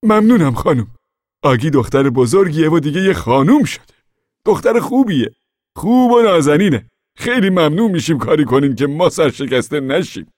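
A man's voice: on the high side, very animated, a little mellow, dry recording, clean studio sound, voice pushed up. A man voicing an anxious middle-aged father who pleads earnestly with a neighbor, in an audiobook. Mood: worried, pleading. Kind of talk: audiobook character reading.

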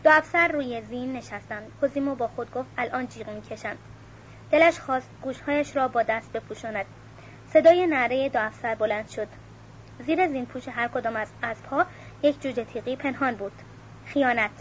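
A woman narrating an audiobook in a steady, measured reading with a few self-corrections. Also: fairly high pitch. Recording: muffled with faint hiss.

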